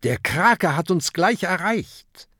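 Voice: medium pitch, sing-song, slow pace, sharp tone, dry recording, voice pushed up, full character voice. Narrator voicing a small worried dragon. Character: small anxious young fire dragon.

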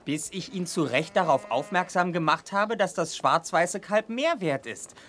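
A man's voice: high-pitched, expressive, unhurried, a bit bright, faint music behind. An actor playing a cocky, scheming young man in a children's audio drama, with a cheeky, self-assured delivery. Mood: sly haggling.

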